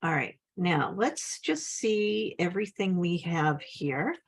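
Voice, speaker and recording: A woman's voice: on the low side, lively intonation, slow. A woman giving a casual, chatty scrapbooking tutorial, upbeat and full of little laughs. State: slight cough. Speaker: scrapbooking instructor.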